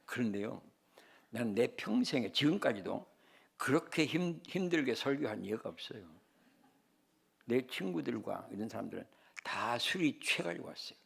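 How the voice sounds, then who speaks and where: An older man from the Chungcheong region, a senior pastor, preaching a sermon in an animated way and telling humorous personal stories. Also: mid-range voice, normal speed, gravelly, slightly rough. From Chungcheong, South Korea.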